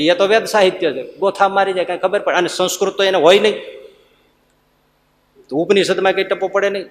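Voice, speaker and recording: Lively swami preaching in echoing hall. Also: male voice, fairly high pitch. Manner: animated, acts out villagers' voices, chuckles. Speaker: swami giving a discourse. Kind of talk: storytelling sermon. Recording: faint noise in a long-reverb hall.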